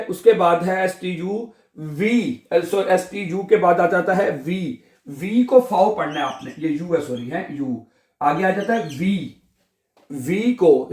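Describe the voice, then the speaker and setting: A man's voice: fairly high pitch, a little mellow, reverberant. A man with a Pakistani Urdu accent teaching a beginner language lesson, patiently repeating each sound and checking that students follow.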